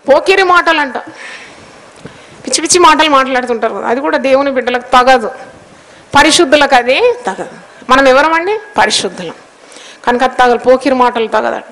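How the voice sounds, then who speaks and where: A woman's voice: high-pitched, fairly bright tone, rough recording. A woman preaching a devotional sermon, reading scripture and explaining it, asking the listeners questions and slipping into English phrases. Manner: reads verses aloud, explains them in Telugu with English phrases; asks the listeners questions and answers them.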